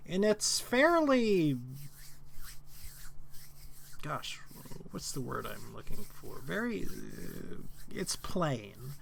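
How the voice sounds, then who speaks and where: A man's voice: fairly high pitch, very animated, drawn-out words, gravelly, pauses often, slight background noise. A man narrating as game master of a tabletop game, hesitant and searching for words.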